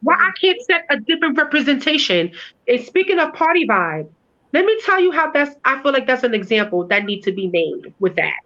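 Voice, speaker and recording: A woman's voice: sits high, big pitch swings, a little fast, a bit bright, dull audio. A woman music artist being interviewed over a video call, talking bluntly and emphatically, swearing freely and restarting her words. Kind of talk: candid, emphatic interview talk.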